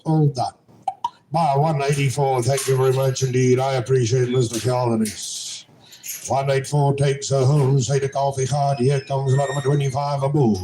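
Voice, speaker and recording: A man working as a livestock auctioneer, chanting bids in a fast rhythmic run. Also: medium pitch, background noise. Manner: rhythmic chant of repeated bids, switching languages. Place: cattle sale ring. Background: crowd of buyers.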